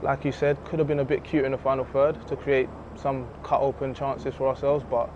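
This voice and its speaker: A young footballer speaks into a handheld mic in the stands of an empty outdoor stadium. He talks in a relaxed, candid way at a medium pitch. The audio is a little dull and carries a faint hiss of outdoor noise. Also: brisk. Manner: relaxed, candid, laughs easily. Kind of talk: post-match interview. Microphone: handheld reporter mic.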